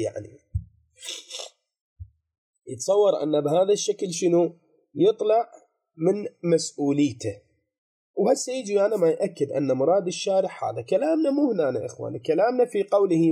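A man with an Iraqi accent teaching a seminary lesson on a legal text. He explains step by step, asks rhetorical questions, repeats key phrases and reads quoted passages slowly. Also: high-pitched, mellow, slightly rough. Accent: Iraqi Arabic. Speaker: religious law teacher.

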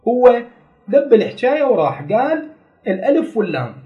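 A man's voice: extremely high pitch, sing-song, fairly quick, dull audio. A man teaching a grammar lesson, explaining step by step, repeating key terms and putting questions to his students. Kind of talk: classroom lecture.

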